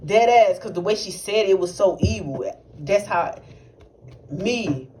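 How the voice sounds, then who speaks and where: A young man with a high voice tells a wild story as casual testimony, rambling in an unhurried, animated way with profanity and many fillers. The recording is noisy, with clicks.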